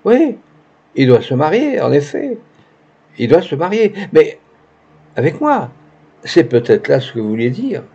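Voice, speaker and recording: A man's voice: mid-range voice, unhurried, dark tone, slightly rough. A man reading the lines of a naive, grieving young woman in a tearful, faltering manner, in a dull lo-fi recording. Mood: distraught.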